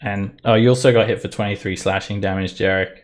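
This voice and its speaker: A man running an online tabletop game as game master, narrating casually with halting, improvised phrasing. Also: fairly low pitch, steady tone.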